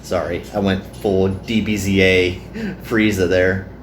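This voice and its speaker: A man with a low voice plays through a visual novel casually, reading aloud at a measured pace with flat delivery and adding joking, self-deprecating commentary. The recording has a roomy echo and some background noise.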